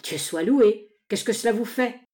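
A woman reading aloud, voicing a gruff male detective chief who talks in a raised, exclaiming voice. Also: fairly high pitch, normal speed, darkish tone, lightly acted.

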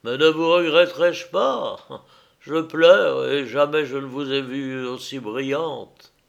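A man's voice: on the high side, normal speed, vocal fry, fairly bright tone, dull audio. A man voicing a lonely, bewildered male cyclops who cries out in raised, mournful pleas. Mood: lamenting. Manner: mournful, pleading outcries.

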